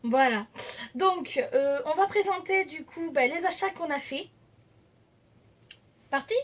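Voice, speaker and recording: Une jeune femme vloggeuse qui bavarde avec beaucoup d'hésitations et d'autocorrections, filmée au téléphone. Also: female voice, high-pitched, slow. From France. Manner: chatty, hesitant, many fillers and self-corrections. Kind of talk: casual chat. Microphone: phone camera.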